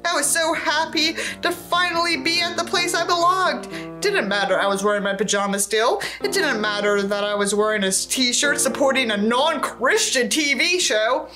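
A young adult woman with a high-pitched voice reads a book aloud as a commentary host at normal speed, over music. She's theatrical and sarcastic, with profane asides, on a small indoor set with a tinsel backdrop.

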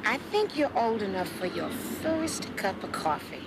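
A woman's voice: mid-range voice, sing-song, measured pace. An actress playing a loving, worried motherly American woman in middle age, emotive in a television sitcom. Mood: tender. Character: Nell, worried loving motherly woman caring for teenage girls. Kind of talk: television sitcom acting before a studio audience. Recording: noisy TV sitcom soundstage.

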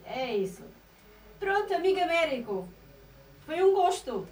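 A middle-aged woman with a European Portuguese accent hosting a local radio interview, lively and affirming while taking calls. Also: very high-pitched, unhurried, echoey room, distant mic, low-quality recording. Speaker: radio presenter. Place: small radio studio. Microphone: studio mic with headphones.

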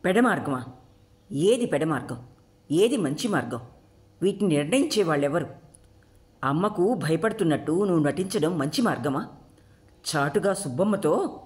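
A woman storyteller voicing a defiant teenage daughter who shouts back at her parents. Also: deep voice, expressive, normal speed, long pauses. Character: defiant rebellious teenage girl Shabari.

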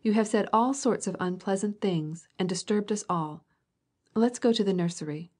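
A woman's voice: mid-range voice, moderate pace, a little mellow, breathy edge, close to an everyday voice. A woman reading aloud and voicing an impatient young nobleman in an audiobook.

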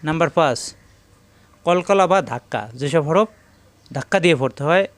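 Man teaching a slow recitation lesson. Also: fairly high pitch, clear, resonant tone, dry recording. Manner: counts items and repeats letter sounds slowly. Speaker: Quran teacher.

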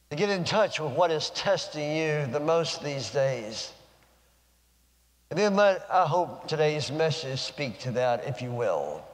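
An older Southern pastor preaches at the pulpit on a lapel mic, his voice sitting a touch high for a man. He speaks in an earnest, measured way with pauses, and the sanctuary adds a long, ringing reverb. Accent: American Southern. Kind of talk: sermon. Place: church sanctuary.

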